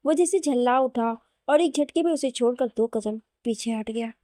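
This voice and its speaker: A woman narrating a scripted audio story with an expressive, dramatic reading. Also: on the high side, normal speed, dry recording, studio quality.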